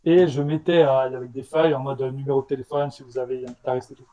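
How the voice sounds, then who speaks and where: A man with a slight leftover stutter, a startup founder answering interview questions in a halting way, with many restarts. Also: medium pitch, fairly even intonation, mellow, dull audio. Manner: halting, with restarts and repeated words.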